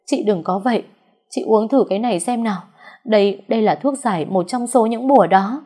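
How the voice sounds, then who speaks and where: A woman's voice: mid-range voice, a little fast, warm tone, pitched above the performer's own voice, close to an everyday voice. A woman voicing a remorseful young woman who cries and begs forgiveness in a storybook reading. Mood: begging. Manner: crying, pleading.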